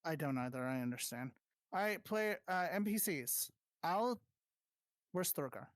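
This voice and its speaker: Game master type, mid-pitched voice, close and dry sound, quick instructions with lots of restarts. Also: expressive, dry recording. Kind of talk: casual voice chat running an online roleplay.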